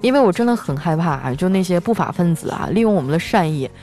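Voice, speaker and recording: A woman's voice: lowish voice, expressive, fast talker, dark tone, faint music behind. A woman host, chatty and teasing, reading funny listener stories and laughing along as she tells them. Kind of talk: comic storytelling.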